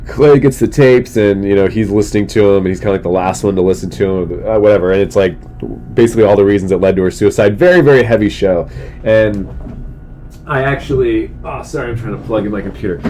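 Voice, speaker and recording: A congested middle-aged man talks quickly and warmly on his solo comedy podcast, wandering through a casual monologue with slangy side comments. He's sick, his voice fading, throat-clearing now and then, with a low rumble of background noise.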